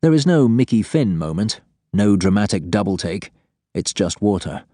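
A man's voice: fairly low pitch, sing-song, normal speed, mellow, slightly rough, no room sound, studio quality. A man reading scripted fiction as an audiobook narrator.

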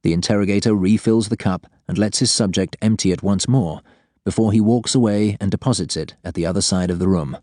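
A man's voice: lowish voice, fairly quick, darkish tone, dry recording, studio quality. A man reading scripted fiction as an audiobook narrator.

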